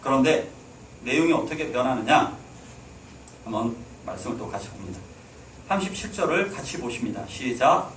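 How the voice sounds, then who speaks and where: A man's voice: mid-range voice, lively intonation, normal speed, long pauses. Man, pastor, exhorting sermon, rhetorical questions, echoey church, distant mic, faint room noise. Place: church sanctuary.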